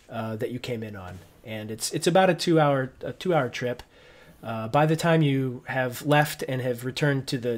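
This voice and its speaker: A man working as game master, narrating a tabletop roleplaying game informally and piecing descriptions together as he goes. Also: medium pitch.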